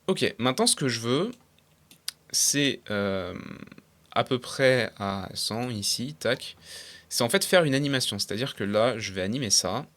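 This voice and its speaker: A young man talking casually through a software tutorial step by step, with frequent fillers and English terms mixed in. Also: mid-range voice. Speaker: tutorial creator. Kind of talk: screen-recorded software tutorial.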